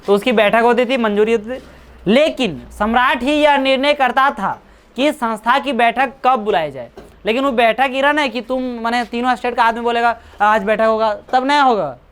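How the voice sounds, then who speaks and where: Here the same kind of Hindi coaching-class teacher has a fairly high, clear and resonant voice at a moderate pace. Lecturing in the classroom, she quizzes students, keeps making sure they understand, restates dates, and teases them along the way.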